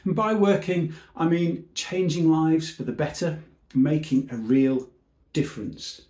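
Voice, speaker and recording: Speaking at a seminar, this civil servant is earnest and measured, his phrases fading away at their ends. He pitches on the high side with a dark tone, and the sound is roomy.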